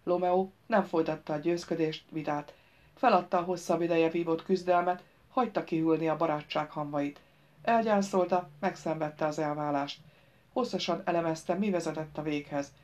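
A woman narrating a novel as an audiobook in a measured storytelling manner, shifting her voice for the characters' dialogue. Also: sits low, fairly even intonation, a little mellow.

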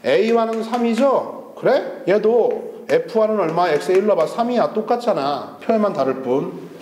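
Male math lecturer, high voice, blunt and teasing delivery, roomy echo. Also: animated, unhurried, a little mellow, a little hiss or hum. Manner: blunt, teasing, switches between casual and polite speech. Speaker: math teacher. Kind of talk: online lecture.

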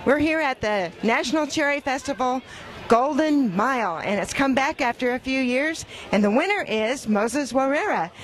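High-voiced older woman interviewer. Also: expressive, normal speed, background noise. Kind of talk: on-street race interview. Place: outdoors at a street race. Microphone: handheld mic.

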